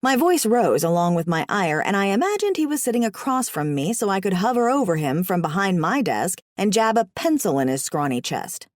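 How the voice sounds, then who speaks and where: A woman reads a first-person story aloud with sass and wry humor. Her pitch rises and falls in a lively way, and the sound is dry and close. Her voice sits in a middle register. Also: fairly quick, hardly any pauses, dry recording. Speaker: audiobook narrator. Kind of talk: scripted first-person narration.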